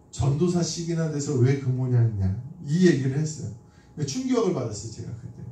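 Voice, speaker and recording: A man's voice: fairly high pitch, mellow. A man preaching a sermon in a church. He tells stories conversationally, asks the congregation questions and acts out the lines of the people in his stories. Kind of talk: sermon with storytelling. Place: church sanctuary. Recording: echoey hall from a distant mic.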